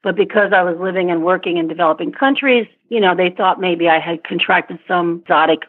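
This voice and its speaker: A woman's voice: lowish voice, brisk, husky. Middle-aged woman on a tinny phone line. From born in Vietnam, raised in Asia and Africa. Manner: thoughtful, with frequent restarts and light laughs. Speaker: interview guest. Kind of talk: casual interview over a phone line.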